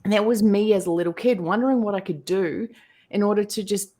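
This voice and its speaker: A middle-aged woman with a New Zealand accent, telling her life story as a guest in a casual interview, animated and quick to act out quotes. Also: medium pitch. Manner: animated, acts out quotes in voices. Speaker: guest entrepreneur.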